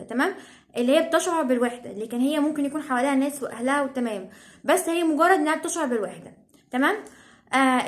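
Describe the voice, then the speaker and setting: A young woman with an Egyptian Arabic accent explaining English vocabulary as a teacher, checking in with "tamam?" after nearly every point. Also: high voice. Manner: repeats "تمام؟" as a check-in.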